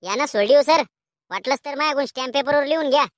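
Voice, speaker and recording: A woman's voice: sits high, quick pace, no echo, studio quality, natural voice. A woman voicing cheeky, quarrelsome village schoolboys in a cartoon, with a Khandeshi Marathi accent and a whiny, bickering manner. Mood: exasperated. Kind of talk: cartoon voice acting.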